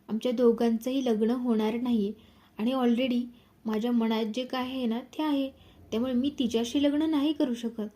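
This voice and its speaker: A woman's voice: a little high, dark tone, lightly acted. A woman voicing a frank, kind young man in a recap of a serial. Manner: earnest, explaining.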